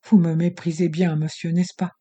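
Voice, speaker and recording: A proud, troubled young woman, soft and pleading, voiced by a male reader in an audiobook. The tone stays very dark and mellow with a husky grain. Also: on the high side, little pitch movement, normal speed, lightly acted. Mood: despairing. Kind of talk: audiobook character reading.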